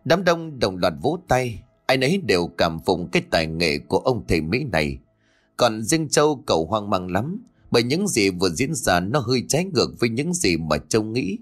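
A man with a lowish voice narrating a ghost story, his pitch rising and falling expressively as he builds the tension. Faint music plays underneath. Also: big pitch swings, moderate pace.

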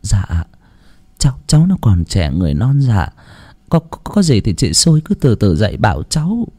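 A storyteller voicing a humble older countrywoman who pleads softly and stammers. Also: mid-range voice, big pitch swings, moderate pace, breathy edge. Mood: meek.

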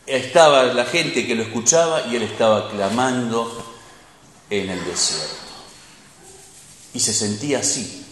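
A man preaching a sermon, expressive and asking rhetorical questions. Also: medium pitch, measured pace, long pauses, slight background noise. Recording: echoey hall with long reverb.

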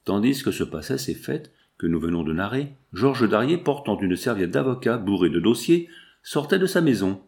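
Male audiobook narrator, steady and expressive, lowish voice. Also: moderate pace. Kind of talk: novel read aloud.

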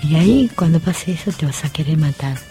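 Middle-aged Argentine woman, radio guest, low voice, nervous and earnest, faint music under her. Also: lively intonation, a little fast. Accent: Argentine Spanish. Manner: earnest, acts out remembered dialogue, trails off softly. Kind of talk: emotional personal storytelling. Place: radio studio.

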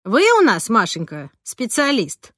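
A woman voicing a blunt, grumbling older cleaning woman in an audiobook, with a slow, drawn-out delivery. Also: medium pitch, very animated, husky, no echo, clean studio sound. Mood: glum. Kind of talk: audiobook character reading.

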